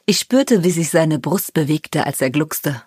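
Woman narrating an audiobook, low and dry. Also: animated, measured pace, darkish tone, breathy edge, dry recording. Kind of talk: scripted first-person narration.

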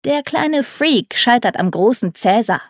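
A woman's voice: on the high side, measured pace, dry recording, studio quality, pitched above the performer's own voice. A woman voicing Paula, a whiny dramatic teenage girl. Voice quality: whiny, excited.

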